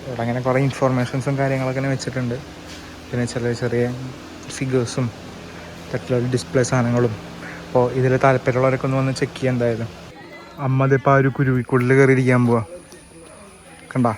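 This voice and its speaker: A man's voice: medium pitch, monotone, fast talker, long pauses, background noise. A man doing a casual travel vlog outdoors, chatting as he walks and explains what he sees. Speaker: travel vlogger. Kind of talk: casual walking-tour vlog. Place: outdoors at a nature sanctuary. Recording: voice over loud background music.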